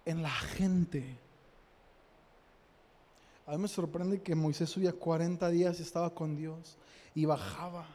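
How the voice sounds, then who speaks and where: A young man with a Mexican accent delivers a sermon in a chatty, storytelling way, playfully acting out the voices in his stories. His voice sits high for a man. It carries a long reverb from the hall he preaches in. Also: mellow. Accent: Mexican Spanish. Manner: conversational storytelling with humor and acted quotes.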